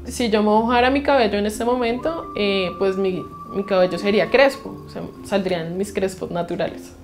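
A young woman, a law student speaking reflectively in a documentary interview, pausing often with "eh". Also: medium pitch, over music. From Bogotá, Colombia. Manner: reflective, with frequent "eh" pauses.

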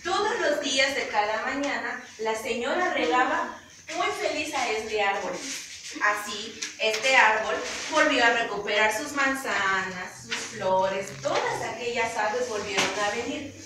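A woman with a Mexican accent, a student telling a children's story with lively, giggly energy. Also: fairly high pitch, measured pace. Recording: echoey room, far from mic, noisy.

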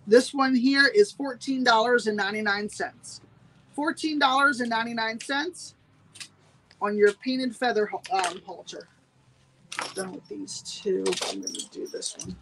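A woman's voice: on the high side, a bit bright, slight background noise, rough recording. A woman hosting a live-streamed sale, chatting with viewers and repeating every price twice. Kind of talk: live-streamed sales pitch.

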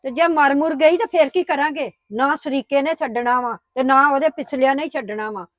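A woman playing a patient grandmother who calmly coaxes and placates her family. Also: sits high, brisk, no room sound, lightly acted. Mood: soothing. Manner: coaxing, placating. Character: patient grandmother, soothing mother-in-law. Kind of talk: family drama acting.

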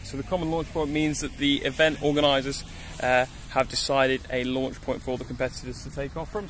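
A man's voice: medium pitch, a bit bright, a little hiss or hum. A young man presenting outdoors on a grass field, talking upbeat and explaining things, recorded on a phone held at arm's length. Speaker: event presenter. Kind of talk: on-location presenting.

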